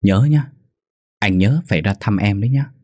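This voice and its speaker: A man's voice: lowish voice, moderate pace, darkish tone, dry recording, studio quality, close to an everyday voice. A man voicing a naive, clingy little boy who pleads and sobs. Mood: pleading. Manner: sobbing, pleading.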